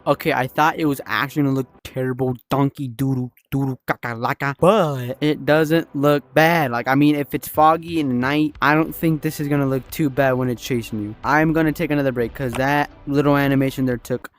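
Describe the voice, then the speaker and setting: A man's voice: medium pitch, fairly even intonation, a little fast, hardly any pauses, soft background music. A young man casually narrating his progress building a level in a VR game, chatty and rambling, often correcting himself. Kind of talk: casual gaming vlog narration.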